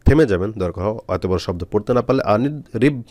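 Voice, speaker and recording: A man teaching Quran reading, spelling out letters and syllables slowly with frequent pauses. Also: fairly low pitch, animated, a little mellow, no room sound. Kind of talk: step-by-step spelling lesson.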